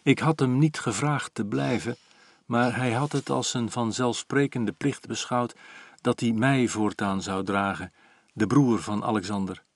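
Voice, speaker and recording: A man in his forties calmly reading a first-person story aloud, even and reflective. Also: mid-range voice, unhurried, dry recording. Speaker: audiobook narrator.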